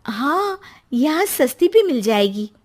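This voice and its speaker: A woman's voice: high-pitched, big pitch swings, takes it slowly, darkish tone, full character voice. Woman voicing a trusting young wife. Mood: eager.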